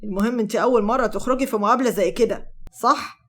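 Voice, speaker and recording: A woman playing a sly, flattering Egyptian man. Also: fairly high pitch, racing. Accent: Egyptian Arabic. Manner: smooth, flattering. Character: smooth-talking flirtatious man, sly.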